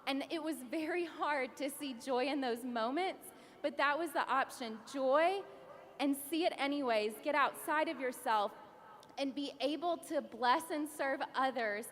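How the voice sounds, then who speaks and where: A woman's voice: high voice, measured pace, fairly bright tone, a little hiss or hum. A young woman in her twenties giving a heartfelt, emotional recognition speech on stage, sometimes laughing through tears. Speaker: award speaker. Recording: reverberant hall with audience.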